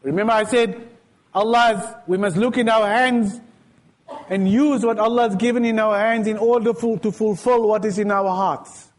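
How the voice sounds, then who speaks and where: At normal speed and in a high voice, a sheikh delivers a Friday sermon at a mosque. His casual storytelling uses everyday speech, and he acts out scenes through lively quoted exchanges.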